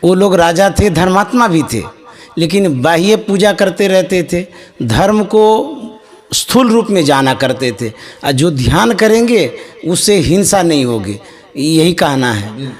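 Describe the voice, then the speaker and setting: Somewhat high-voiced male host reading questions. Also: animated, unhurried. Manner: frequent soft affirmations, paraphrasing the answers. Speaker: host presenting viewers' questions.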